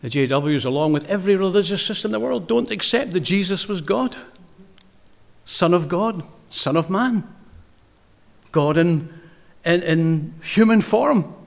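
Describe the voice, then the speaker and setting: A man preaching a sermon, impassioned, rising to loud emphasis and dropping to quiet, low asides, reading verse slowly and deliberately. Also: expressive, vocal fry.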